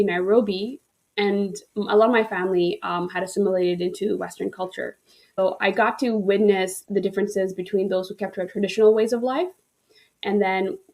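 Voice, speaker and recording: A woman's voice: medium pitch, a little mellow. Kenyan-born woman telling her story. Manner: thoughtful, with frequent ums and restarts. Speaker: guest, relationship coach. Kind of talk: conversational storytelling.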